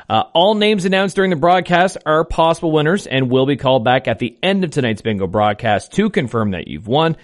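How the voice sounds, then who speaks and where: A man working as a bingo caller on local radio, announcing informally and calling out numbers deliberately. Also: mid-range voice. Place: radio studio.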